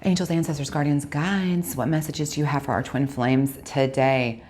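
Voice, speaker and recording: A woman's voice: deep voice, fairly even intonation, moderate pace, darkish tone. A woman giving a casual tarot reading, chatting straight to her viewers and correcting herself aloud as she goes. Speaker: tarot reader.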